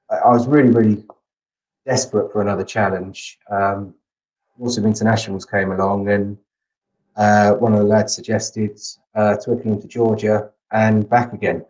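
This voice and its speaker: A man's voice: on the low side, a little mellow, poor audio. A man speaking as an interview guest, casual and earnest, with plenty of enthusiasm. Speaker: guest, visually impaired rugby player.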